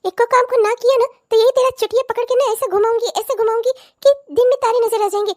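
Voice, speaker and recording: Woman doing a cartoon stepmother, harsh and nagging, very high voice, rapid-fire scolding. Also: fairly even intonation. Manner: shrill, nagging, cursing. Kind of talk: cartoon voice acting.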